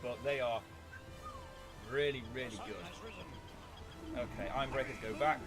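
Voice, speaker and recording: A man's voice: medium pitch, measured pace, music in the background. A man giving strategy game commentary as a video host, playfully theatrical, talking to his units and making mock threats.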